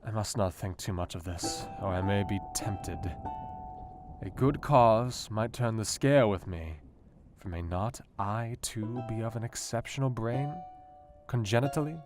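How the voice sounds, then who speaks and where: Man acting Doctor Seward, low-voiced brooding Victorian doctor. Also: natural voice. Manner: measured, brooding, formal diction. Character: brooding Victorian asylum doctor, melancholy and intellectual. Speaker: actor in an audio drama. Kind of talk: dramatic diary monologue, radio play. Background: guitar music.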